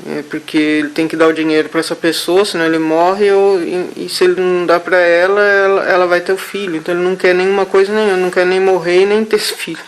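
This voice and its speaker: A man haltingly recounting a vision during a therapy session, with many restarts. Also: sits high, little pitch movement, slight background noise, low-quality recording. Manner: halting, hesitant, full of restarts. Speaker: therapy client.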